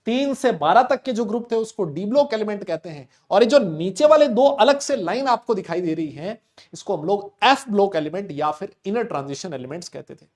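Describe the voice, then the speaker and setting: Guy teaching chem online, kinda high voice, real loud, keeps asking the class stuff back. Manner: loud, talks to students, voices their questions back. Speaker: chemistry teacher. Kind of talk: live online class lecture. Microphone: desk mic with level meter.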